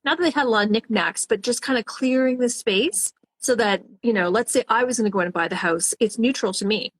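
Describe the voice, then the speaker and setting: A woman's voice: on the high side, brisk, slightly rough. A woman professional organizer, a guest on an interview, talking steadily and practically about decluttering. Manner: practical, advice-giving, steady. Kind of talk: casual interview chat.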